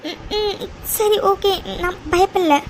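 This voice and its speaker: A woman voicing a gentle, dutiful young wife in a cartoon, speaking softly and politely. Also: very high voice, steady tone, slow, a little hiss or hum. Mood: meek. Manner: soft, polite, reassuring. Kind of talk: cartoon dubbing.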